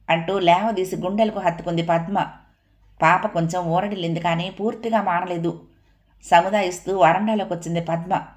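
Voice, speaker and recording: A woman narrating a family novel as an audiobook in a steady, even storytelling manner. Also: fairly low pitch.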